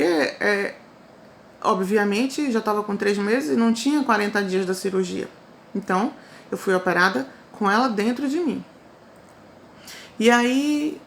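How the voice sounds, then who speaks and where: A woman with a Brazilian Portuguese accent telling her own life story in a casual, animated way, often repeating phrases for emphasis. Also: fairly high pitch, creaky, slight background noise. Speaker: testimony storyteller.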